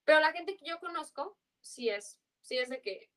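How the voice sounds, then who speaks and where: A woman's voice: high voice, expressive, moderate pace, bright, forceful tone. A young woman in her twenties with a marked Yucatán accent, chatting loosely as a podcast guest, rambling with slang and fillers. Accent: Yucatán Mexican Spanish. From Yucatán, Mexico. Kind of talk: casual chat.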